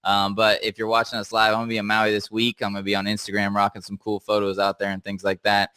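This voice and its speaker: A man with a lowish, bright voice hosts a live stream, sounding hyped and giggly. His voice is crisp and clean, and it is recorded dry and close. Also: completely flat delivery, fast talker, no room sound. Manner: hyped and giggly, keeps breaking into laughter. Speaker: livestream host. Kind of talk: casual live-stream sign-off chat.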